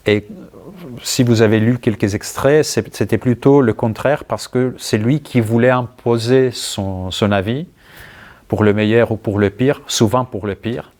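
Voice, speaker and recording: A man from Greece with a Greek accent, a writer being interviewed at a book talk, gives conversational answers. His mid-range voice has a darkish tone, and he is halting and thoughtful, searching for words.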